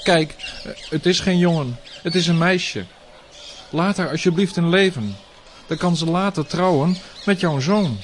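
A man's voice: on the high side, measured pace, slight background noise, pitched above the performer's own voice, lightly acted. A man voicing a desperate young mother who begs for her baby's life in a storybook tale. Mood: pleading. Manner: pleading, beseeching.

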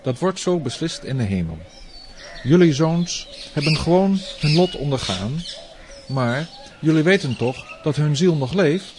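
A man voicing a cruel tyrant king who loudly preaches and begs forgiveness in a storybook tale. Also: a little high, animated, a little slow, slight background noise, voice pushed up. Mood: preachy, remorseful. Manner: loud, preachy pleading.

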